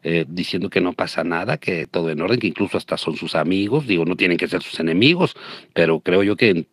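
A man's voice: deep voice, lively intonation, brisk, a bit bright, no echo. A man hosting his channel, delivering a crude, combative rant of commentary. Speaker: channel host. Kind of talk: ranting commentary.

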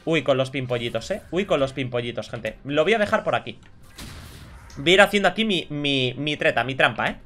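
Bright-voiced young Spanish man commentating a game. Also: medium pitch, animated, brisk, soft background music. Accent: Spain. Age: 20s. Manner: mock-polite, slangy and crude. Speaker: gaming streamer. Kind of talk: live gameplay commentary. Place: indoors at a gaming desk.

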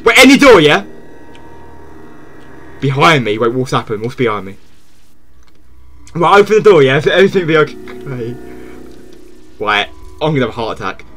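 A man's voice: medium pitch, big pitch swings, moderate pace, long pauses, a bit bright, soft background music. A man streaming a game live in casual chat, jumpy and repeating himself, yelping when startled.

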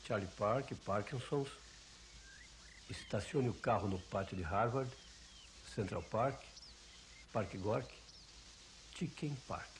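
A man's voice: on the low side, takes it slowly, pauses often, slight background noise. A man dubbing a character in a film comedy, heard from a distance off an old VHS tape. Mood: deadpan. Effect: old VHS tape dub.

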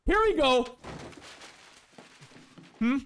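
A young man in his twenties giving excited reaction commentary from a small room, close to a boom mic, laughing and breaking into shouts. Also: extremely slow, a little hiss or hum. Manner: animated, laughing, shouts in bursts. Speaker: anime reaction streamer. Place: small room indoors, in a gaming chair. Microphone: studio mic on boom arm, close.

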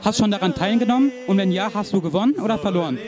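A young man with a high voice reports formally from a big indoor sports hall through a handheld mic. Crowd chatter carries behind him throughout. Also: racing. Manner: formal, announcer-like, with religious greetings. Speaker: event reporter. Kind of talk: scripted event report and interviews.

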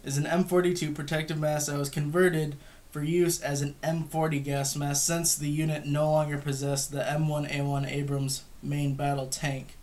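On the high side and a little mellow, this young adult male voice belongs to someone giving an unscripted, casual gear review in a room at home. He's hesitant and matter-of-fact, filmed by a camera across a table, and the audio is clearly noisy with clicking sounds.

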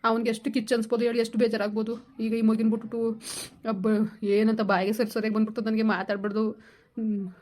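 A man's voice: high voice, completely flat delivery, quick pace, darkish tone. A man, talking with his wife in a casual family chat, earnest and lamenting. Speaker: husband in a family vlog. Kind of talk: casual heartfelt family talk.

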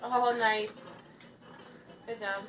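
A woman's voice: on the high side, flat delivery, very slow, fairly bright tone. A woman chatting casually while playing a video game in a living room. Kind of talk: casual chat while gaming. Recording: distant mic, game music behind.

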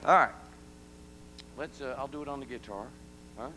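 At a live concert, a male singer-songwriter jokes with the audience in a folksy, teasing way, chatting with the crowd and the kids. His medium-pitched voice is bright and forceful at a moderate pace, but the audio is poor, with a little hiss or hum.

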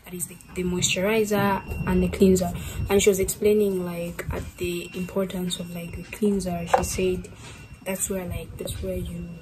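Talking to the camera from her bedroom, a young Zambian woman vlogs in a chatty, rambling way packed with "like" fillers. Her voice is lowish and flat at a normal speed, with a noisy background.

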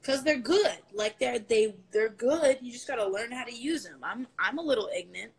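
A woman in her twenties livestreams from her apartment on a phone held at arm's length, chatting offhandedly, swearing, and tossing in laughing asides through a stuffy nose. Her voice sits a little high and is expressive, with a breathy edge, at a normal speed.

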